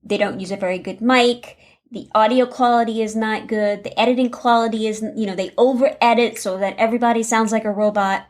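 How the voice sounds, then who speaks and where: A woman's voice: fairly high pitch, fairly even intonation, a little fast. Upbeat woman hosting a podcast. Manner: chatty, upbeat, folksy with y'all. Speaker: podcast host and producer. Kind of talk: podcast monologue.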